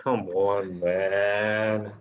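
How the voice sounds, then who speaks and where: A man's voice: lowish voice, flat delivery, very slow, highs cut off. A young man bantering and teasing friends on a video call, laughing often. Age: young adult. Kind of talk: casual banter.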